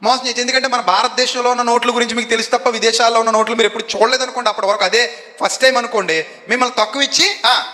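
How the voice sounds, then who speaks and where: A man's voice: extremely high pitch, bright, forceful tone. A man preaching a sermon to a live congregation, firing questions at them and getting them to answer back. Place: church hall with a live congregation. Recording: echoey hall reverb.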